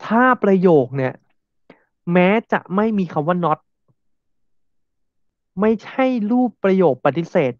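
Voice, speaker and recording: A man with a fairly high voice teaches a classroom grammar lesson. He explains step by step and keeps repeating his examples. The recording is dull and very dry. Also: lively intonation, slow pace, pauses often, a little mellow, dry recording.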